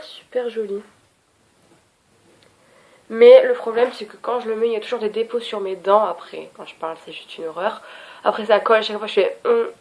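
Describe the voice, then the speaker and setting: Chatty French beauty vlogger woman. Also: mid-range voice. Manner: chatty, scattered, self-mocking. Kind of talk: casual product review.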